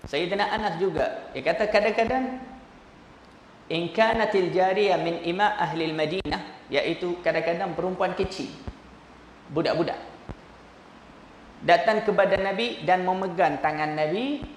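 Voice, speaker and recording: A man from Malaysia giving a mosque lecture, telling stories in a lively way and acting out the voices in them. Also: high-pitched, measured pace, long pauses, a little hiss or hum. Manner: animated storytelling, acts out voices in quotes. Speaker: preacher. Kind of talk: sermon storytelling. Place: prayer hall. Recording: echoey prayer hall, faint ambience.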